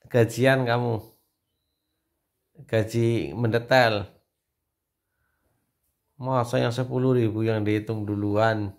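Gravelly, teasing Javanese-Indonesian man. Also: medium pitch, fairly even intonation, slow pace, long pauses. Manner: teasing, then coaxing and apologetic. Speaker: husband filming a family prank video. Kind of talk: teasing casual family banter.

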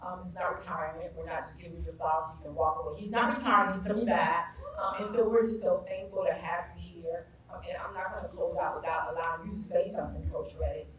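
A woman's voice: lowish voice, steady tone, quick pace, a crowd in the background. Emphatic woman speaking in an echoey hall. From South Carolina. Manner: emphatic, rising on repeated phrases. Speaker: school staff speaker at a ceremony. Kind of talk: heartfelt tribute speech. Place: school gathering space with a live audience. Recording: echoey room, voice from far off.

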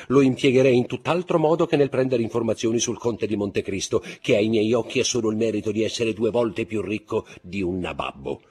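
A man reading aloud and voicing a flustered young male official who dodges questions with ironic wit, in a raised, animated voice. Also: mid-range voice, husky, voice pushed up.

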